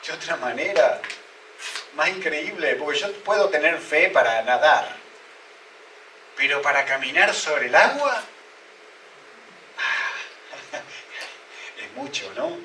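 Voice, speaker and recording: A male pastor preaches in a roomy church hall, and his voice reaches the mic from a little way off. His tone is bright and forceful, and he keeps asking the congregation rhetorical questions. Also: fairly high pitch, very animated, slow pace, pauses often, recorded from a distance, slight background noise. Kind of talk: sermon.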